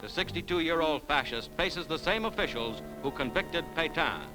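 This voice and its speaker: A male narrator in classic old newsreel style, pitched fairly high and swinging animatedly through formal, emphatic phrases. Music runs clearly behind his scripted delivery on a vintage soundtrack. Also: lively intonation, normal speed, rough recording.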